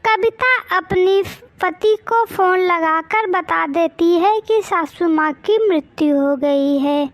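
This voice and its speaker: Slow high-voiced woman narrator. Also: no room sound. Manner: slow, deliberate storytelling. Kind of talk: storybook narration for a cartoon.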